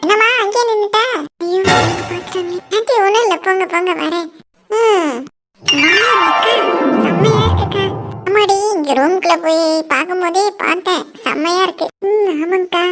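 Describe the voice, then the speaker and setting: A woman's voice: very high voice, normal speed, loud music behind the voice. A woman voicing chatty village women gossiping and teasing at a family wedding in a cartoon. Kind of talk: cartoon voice acting.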